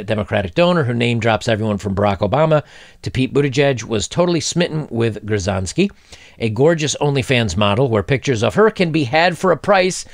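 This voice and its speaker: A man's voice: medium pitch, dry recording, studio quality. A man in his forties giving blunt, opinionated commentary while reading a news story aloud, with mocking asides. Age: 40s.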